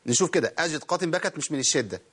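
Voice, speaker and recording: A man with an Egyptian Arabic accent teaching Quran recitation in a TV studio lesson, quizzing viewers quickly and then drawing out the words slowly. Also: fairly high pitch, lively intonation, a bit bright, husky.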